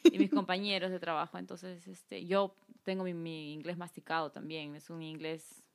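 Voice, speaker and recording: A woman's voice: on the low side, moderate pace, gravelly, smooth. Guest: young woman from Guatemala, casual storyteller who acts out dialogue. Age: young adult. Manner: animated, acts out quoted dialogue. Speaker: podcast guest.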